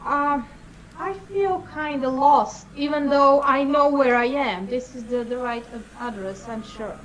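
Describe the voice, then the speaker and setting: A woman's voice: sits high, unhurried, a bit bright, slight background noise, low-quality recording. A woman playing a naive young woman who dreams of film stardom, in an improvised film-noir comedy scene; she talks hesitantly, stammers and giggles. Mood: naive, eager.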